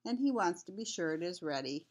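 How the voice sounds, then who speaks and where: A woman's voice: fairly low pitch, lively intonation, fairly quick, a little mellow. An older woman, a sweet grandmother with a cold, reading a children's picture book aloud in a homely, chatty way. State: has a cold with cough.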